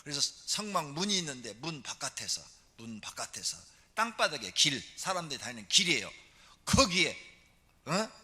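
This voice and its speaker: Animated male pastor in an echoing church. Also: on the high side, moderate pace, slightly rough. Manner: animated storytelling, calls for amen responses. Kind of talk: sermon. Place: church sanctuary. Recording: long reverb of a church hall.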